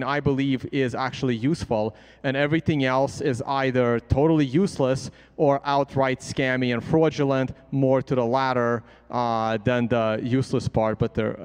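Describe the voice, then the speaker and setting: A man's voice: mid-range voice, darkish tone, clear, resonant tone. A man speaking as a crypto trader on a conference panel, blunt and opinionated. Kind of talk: panel discussion. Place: conference stage. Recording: reverberant conference hall.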